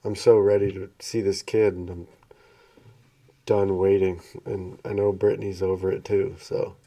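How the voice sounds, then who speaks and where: Man, low mellow voice, laid-back and candid, dry and slightly distant from the mic. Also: little pitch movement, moderate pace, no echo. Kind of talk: casual chat.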